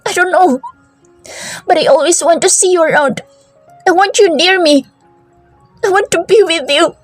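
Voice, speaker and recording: A woman's voice: very high voice, measured pace, faint music behind, pitched above the performer's own voice. A woman voicing a hurt, tearful young woman in a storybook romance reading.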